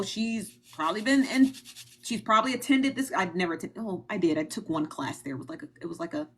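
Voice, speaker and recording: Her voice is mid-range and a touch bright. She's a livestream host with a Midwestern American accent, giving casual commentary, addressing viewers head-on, stressing her words and going over the same points again.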